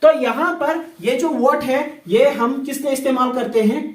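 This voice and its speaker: Male English teacher explaining grammar, very high voice, echoey room, deliberate repetition. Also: recorded from a distance. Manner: slow, deliberate, repeats English example sentences. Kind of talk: grammar lesson explained in Hindi. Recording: echoey room, set back from the mic.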